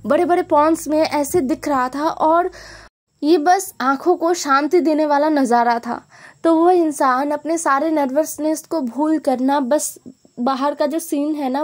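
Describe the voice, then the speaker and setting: High-voiced chatty woman narrator. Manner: chatty, explaining with many asides. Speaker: story narrator. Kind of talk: casual storytelling narration.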